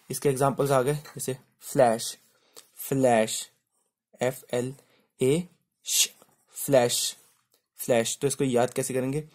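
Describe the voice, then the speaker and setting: A man's voice: fairly high pitch, a little mellow. A male shorthand teacher giving a step-by-step tutorial, spelling words letter by letter and repeating "simple" and "okay".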